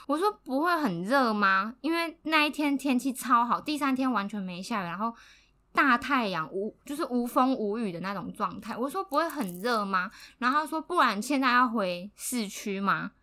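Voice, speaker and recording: Young woman, podcast co-host, casual storytelling, bright tone, a bit high, laughs a lot. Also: moderate pace. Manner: animated, laughs often, acts out quotes.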